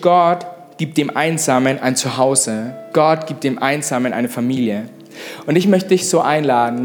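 A young man preaching a sermon in a church service, in a casual, direct way with frequent "hey" asides. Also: on the high side. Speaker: pastor.

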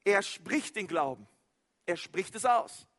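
A man preaching a sermon as pastor, fervent, with repeated phrases, swinging from loud to hushed. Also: high voice, animated, takes it slowly.

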